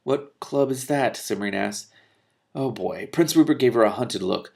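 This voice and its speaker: A creaky-voiced man reads aloud from a fantasy book and lifts his pitch and volume for each character. He breaks off often to comment in quick, animated mutters, with laughing and swearing along the way.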